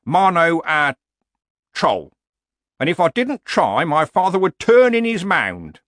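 A man's voice: fairly high pitch, wildly swooping pitch, slow, fairly bright tone, no room sound, clean studio sound, voice pushed up, full character voice. A man voicing an elderly barbarian hero in a storybook, grumpy, stubborn and world-weary, with a blunt, grumbling manner.

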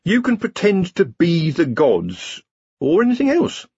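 A man's voice: sits high, huge pitch swings, a little slow, a little mellow, husky, no room sound, pitched above the performer's own voice, exaggerated voice. A man voicing a nervous, chatty wizard. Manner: chatty, evasive and wryly anxious. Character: nervous, wry male wizard. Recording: slightly dull, muffled recording.

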